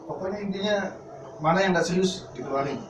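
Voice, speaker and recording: A man's voice: high-pitched, brisk. A male teacher who supervised a school film, giving short, matter-of-fact answers. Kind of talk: casual interview answers. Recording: distant roomy mic with noise.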